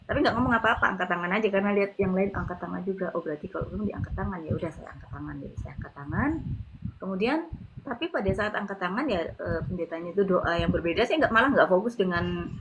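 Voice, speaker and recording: A woman's voice: fairly low pitch, expressive, quick pace, noisy background. A woman casually telling her testimony in a chatty way, full of fillers, recorded on a handheld phone. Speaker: convert giving testimony. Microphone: handheld phone, no tripod.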